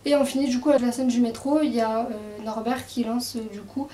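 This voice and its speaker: A woman with a somewhat high, mellow voice presents a book in a casual, hesitant way, pausing often on fillers. She sits back from the mic in a roomy, echoing space. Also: steady tone, far from the mic. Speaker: book reviewer. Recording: echoey room, away from mic.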